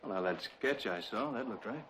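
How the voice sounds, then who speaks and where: An actor playing a calm, reasoning young ranch hand in a 1960s TV western. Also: male voice, medium pitch, moderate pace, a little hiss or hum, close to an everyday voice, rough recording.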